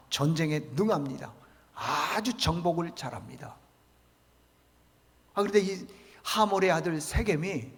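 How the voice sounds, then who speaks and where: A man's voice: a little high, in a large hall. A male pastor preaching a sermon emphatically, asking rhetorical questions and repeating key words. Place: church sanctuary.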